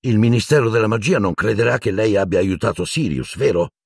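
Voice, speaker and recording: A man's voice: on the low side, fairly quick, gravelly, no room sound, clean studio sound, pitched above the performer's own voice. Man doing an earnest, urgent teenage boy. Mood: pleading.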